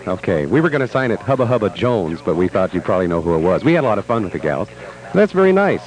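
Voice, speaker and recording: A man's voice: low voice, sing-song, fast, darkish tone, poor audio. A man hosting a morning radio show, chatting casually and easily amused.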